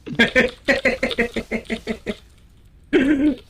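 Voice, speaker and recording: Bright streamer voice, teasing and dry, lots of ums while walking a friend through a game. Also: medium pitch, steady tone, very slow, slightly rough. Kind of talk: casual live-stream chat while playing.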